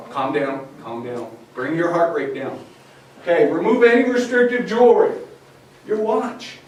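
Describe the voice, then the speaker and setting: Male presenter, higher voice, animated and jokey, recorded from a distance in a reverberant hall. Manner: lively, acts out scenarios with humor. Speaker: wildlife educator giving a public talk. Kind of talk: live public presentation. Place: lecture room with an audience. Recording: echoey room, mic far off.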